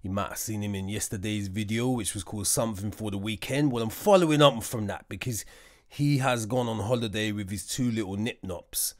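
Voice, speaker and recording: A man's voice: fairly low pitch, a little fast. A man giving a casual music production tutorial, joking around and mocking himself as he goes. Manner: jokey, slangy, self-mocking.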